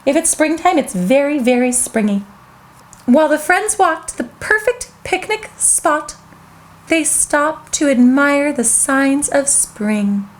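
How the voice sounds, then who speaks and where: Woman host of a kids' show, high and sweet, slow and unhurried; reads a picture book aloud with bubbly, gasping excitement. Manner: bubbly and childlike, with frequent excited gasps; chatty asides to young viewers.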